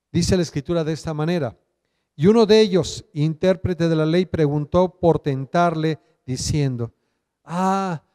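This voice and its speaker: A man's voice: high-pitched, a little mellow, clear, resonant tone, long reverb tail. A male pastor, teaching an online sermon and asking his listeners questions. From Mexico.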